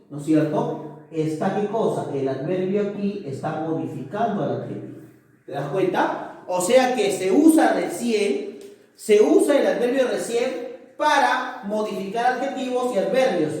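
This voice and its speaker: A man's voice: sits high, a little mellow, recorded from a distance. A male teacher giving a grammar lesson, checking in with his students after nearly every point. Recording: echoey room, voice off-mic.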